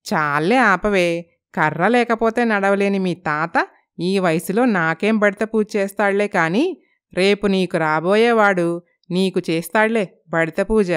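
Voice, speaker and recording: A woman's voice: mid-range voice, a little slow, clean tone, close to an everyday voice. Brief: feisty old village granny, scolding yet fond, put on by a woman narrator. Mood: teasing. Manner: scolding, teasing, affectionate. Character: teasing elderly village grandmother, old woman.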